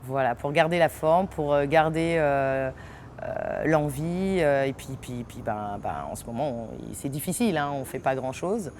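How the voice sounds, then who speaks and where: Low-voiced woman, lively and hesitant. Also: normal speed, a little hiss or hum. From French Guiana. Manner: lively, laughs often, many hesitations. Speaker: actress and theatre company owner. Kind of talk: interview answers. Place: unfinished theatre hall.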